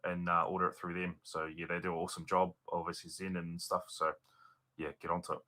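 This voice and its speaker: Bright, forceful Kiwi man, lowish voice. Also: flat delivery, fast talker. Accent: New Zealand. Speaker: racing driver guest. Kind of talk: casual interview chat.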